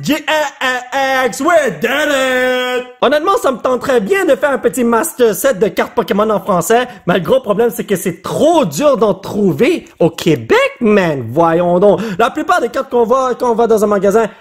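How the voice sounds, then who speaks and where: A man with a Québécois French accent, opening trading card packs in an excited casual vlog and dropping English slang into his French. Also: high-pitched, moderate pace, hardly any pauses, slightly rough. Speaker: YouTuber opening trading cards.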